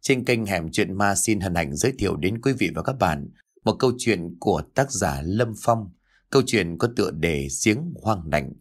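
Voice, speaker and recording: A man's voice: low-pitched, animated, normal speed, slightly rough. A man narrating a ghost story in a formal, dramatic storytelling manner. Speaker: audiobook narrator.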